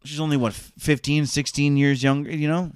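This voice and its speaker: A man's voice: on the high side, flat delivery, a little fast, clean tone, dry recording, studio quality. A man in his late twenties co-hosting a comedy podcast, loose and profane, swinging into mock-rage outbursts. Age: 20s. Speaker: podcast co-host. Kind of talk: improvised comedy podcast banter.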